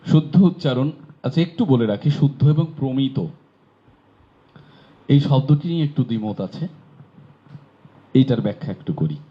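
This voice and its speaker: A man's voice: mid-range voice, expressive, normal speed, pauses often. A man from Bangladesh teaching pronunciation in a classroom lecture, explaining patiently and asking rhetorical questions. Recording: dull lo-fi recording.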